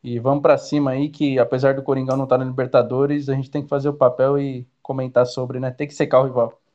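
A man with a Brazilian Portuguese accent commenting on a sports podcast, relaxed and slangy. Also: mid-range voice, fast. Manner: relaxed, slangy, laid-back. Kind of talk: casual sports podcast chat. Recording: dull lo-fi sound.

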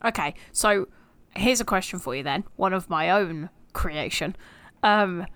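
A woman's voice: on the low side, unhurried, smooth, dry recording. A woman co-hosting a podcast, chatting expressively in a casual review of TV episodes. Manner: chatty, expressive, laughs easily. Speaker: podcast co-host.

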